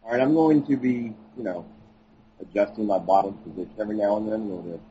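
A man chatting in a deadpan, dry way while his call audio comes through garbled and glitchy. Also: on the low side, quick pace, highs cut off, slight background noise. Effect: garbled, glitchy call audio breaking up. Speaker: podcast guest. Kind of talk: casual chat over a call.

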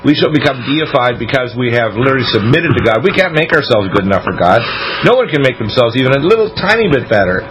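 An American man with a medium-pitched voice hosts a religious talk show. He preaches emphatically and at length, drawing out key words, with faint noise on the radio recording. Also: sing-song, fast.

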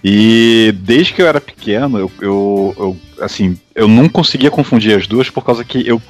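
A man's voice: on the low side, moderate pace, faint music behind. A man chatting casually, hesitant, stumbling and repeating words as he talks. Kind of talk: casual chat.

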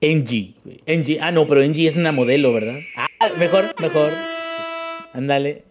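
A man's voice: on the high side, moderate pace, background noise. A man around forty with a Mexican Spanish accent, co-hosting a podcast with crude jokes. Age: 40s. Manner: crude joking. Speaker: podcast co-host. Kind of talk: casual banter.

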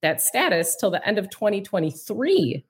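A woman in cybersecurity chatting casually, telling lively stories and laughing often. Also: medium pitch, normal speed, husky. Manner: animated storyteller, laughs often. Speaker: cybersecurity guest. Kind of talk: casual conversation.

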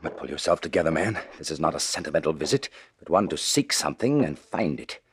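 A man's voice: rumbling low, lively intonation, quick pace. An actor playing a furtive, anxious man talking theatrically to himself in 1940s radio style. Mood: brooding, resolute. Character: furtive, anxious man sneaking through his childhood home. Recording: noisy vintage 1940s radio recording.

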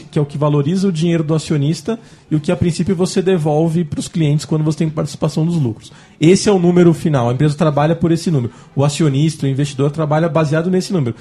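Casual podcast man, Brazilian Portuguese accent, emphatic and slangy, a bit high with a husky edge. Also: dark tone. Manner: slangy and emphatic, acts out dialogue as he explains.

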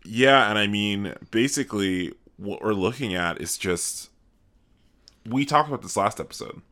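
A man's voice: lowish voice, lively intonation, normal speed, fairly bright tone. A man co-hosting a podcast from a home study, talking loosely with frequent ums. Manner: loose, hesitant, uses "um" often. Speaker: podcast co-host. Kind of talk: casual chat.

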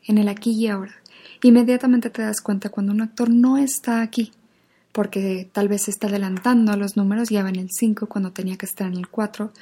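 A woman, an acting teacher leading a guided vocal warm-up, patiently drilling exaggerated syllables. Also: mid-range voice, slightly rough.

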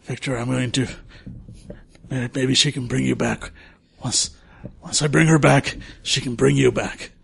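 Loyal toad familiar played by a man, solemn and halting, creaky voice, for a tabletop game. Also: mid-range voice, steady tone, heavily acted. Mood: solemn, pleading.

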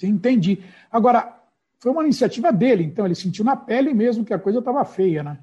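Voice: mid-range voice, animated, fast talker, dark tone, husky, dull audio. A podcast host interviewing a guest, reacting with short surprised interjections and asking questions.

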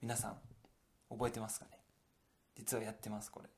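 A man's voice: lowish voice, monotone, moderate pace, husky. A man with a Kansai accent teaching his dialect to learners, explaining step by step and adding English glosses. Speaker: language teacher.

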